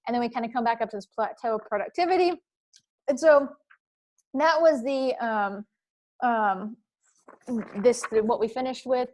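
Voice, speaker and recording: A woman lecturing a university class over a video call. Her voice sits a little high. She rambles casually with plenty of fillers and sometimes sings a line for fun. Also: moderate pace, pauses often, a little mellow. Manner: chatty, rambling, many fillers; playful, sings snatches. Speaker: university instructor. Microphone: computer mic on video call.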